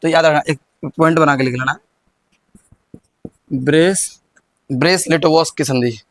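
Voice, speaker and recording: A man's voice: on the high side, unhurried, no room sound. A young male teacher with a Bihari Hindi accent gives a classroom history lesson, repeating his questions and prompting students, often stumbling and restarting.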